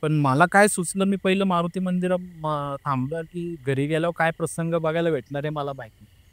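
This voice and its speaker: A young man with a fairly high voice tells a tense personal story in an earnest, emotional way. He acts out the words of the people around him. The sound is dry and close, with no room echo. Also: fairly even intonation, brisk. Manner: earnest, emotional, re-enacts family members' words. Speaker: guest telling a personal story. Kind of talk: casual interview storytelling.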